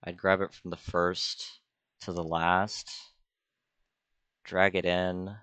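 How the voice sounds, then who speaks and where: Low, slow-talking young man with a crisp tone. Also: little pitch movement, fairly bright tone, no echo. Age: young adult. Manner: offhand, self-deprecating, thinking aloud. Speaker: art student giving a tutorial. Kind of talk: casual screen-recorded tutorial.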